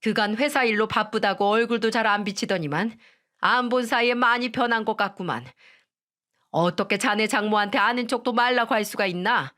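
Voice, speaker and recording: A woman's voice: a little high, brisk, a bit bright, close to an everyday voice. A woman voicing a proud older mother-in-law who speaks in an indignant, scolding way.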